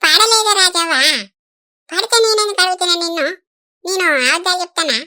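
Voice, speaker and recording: A woman's voice: extremely high pitch, a little fast, bright, forceful tone. A woman voicing a wheedling old village woman. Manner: wheedling and protesting. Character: scheming old village woman begging money. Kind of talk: cartoon voice acting.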